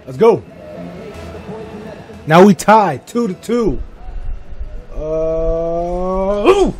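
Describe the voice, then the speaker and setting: A high-voiced man reacting to a game as he plays, his pitch leaping all over as he curses and yells at teammates. He talks at an unhurried clip between the outbursts. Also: very animated, crowd noise. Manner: profane, exasperated outbursts at teammates; short shouted reactions. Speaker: gamer. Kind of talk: live gaming commentary.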